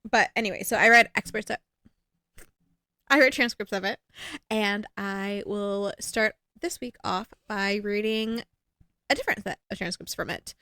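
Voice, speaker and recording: A woman's voice: medium pitch, moderate pace, sharp tone, dry recording. A woman co-hosting a podcast in casual chat, rambling with lots of fillers and poking fun at herself. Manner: rambling, filler-heavy, self-deprecating. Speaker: podcast co-host.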